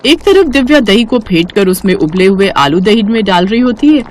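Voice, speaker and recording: Expressive woman narrating a cartoon story. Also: mid-range voice, moderate pace, a little hiss or hum.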